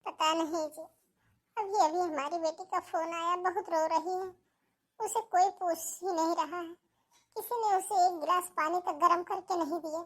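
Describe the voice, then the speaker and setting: A woman's voice: very high-pitched, fairly even intonation. Woman voicing a fretful protective cartoon mother. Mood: urgent. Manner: fretful, scolding, quick to take her daughter's side. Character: worried middle-aged Indian mother, fussy and protective. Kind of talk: animated cartoon voice acting.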